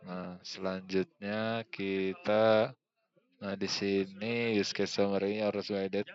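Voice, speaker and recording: Young male student, screen-tutorial narrator, smooth clear tone, slow hesitant thinking-aloud delivery. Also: fairly low pitch, flat delivery, highs cut off. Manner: hesitant, many fillers, thinking aloud while clicking. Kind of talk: screen-recorded software tutorial.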